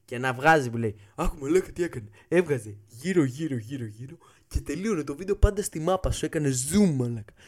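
Man, casual comic storytelling, swears a lot, animated, acts out the lines. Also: medium pitch. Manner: profane, animated, acts out dialogue.

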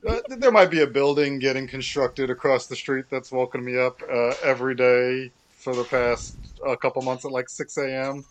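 A man's voice: mid-range voice, normal speed, hardly any pauses, a little hiss or hum. An American man chatting casually on a podcast with hesitant, dry understatement. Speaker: podcast guest or returning crew member. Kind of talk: casual chat.

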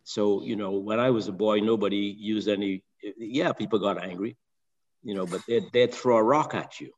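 An older man with a Barbadian accent from Barbados, calling in with a long, halting comment full of restarts and repeated words. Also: fairly low pitch, steady tone, lo-fi sound. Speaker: caller. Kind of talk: call-in question. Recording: long reverb.

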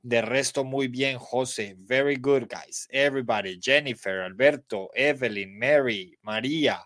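A man's voice: medium pitch, a little slow, a bit bright, dry recording. A Colombian man teaching a live online English class, spelling letters aloud and praising students by name. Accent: Colombian Spanish.

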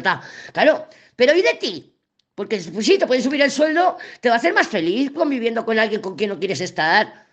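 A woman's voice: on the high side, fairly bright tone. A woman giving a casual daily tarot reading, talking straight to the listener, chatty and blunt, stumbling over words and laughing at herself. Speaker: tarot reader.

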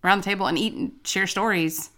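A woman's voice: mid-range voice, fairly even intonation, fast, a bit bright. Candid woman pastor co-hosting a chat. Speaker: pastor and podcast co-host. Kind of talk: casual chat.

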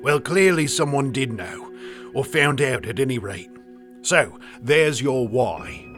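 A man's voice: medium pitch, animated, slow pace, a bit bright, faint music behind. An actor playing a brash, cheerful Australian bushman guide with a slangy, matter-of-fact way of talking.

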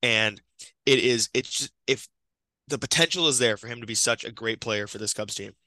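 Young male podcast co-host, bright morning voice, dry close mic, keeps the chat moving. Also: mid-range voice, normal speed, no room sound, rough recording. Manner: upbeat, steers the talk. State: just woken up, morning voice. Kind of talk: casual sports podcast chat.

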